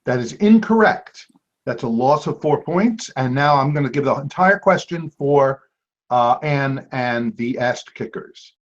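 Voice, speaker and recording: A man's voice: mid-range voice, animated, a little slow. A man hosting an online trivia game as quizmaster, playful, with jokey asides. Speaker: trivia quiz host. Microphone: video call. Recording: dull lo-fi video call audio.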